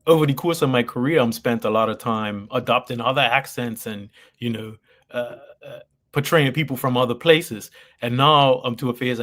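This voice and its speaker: A man with a Bermudian accent speaks casually at a middle pitch, as an interview guest would. He tells anecdotes in a loose, conversational way and slips into quoted dialogue to act them out. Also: a bit bright.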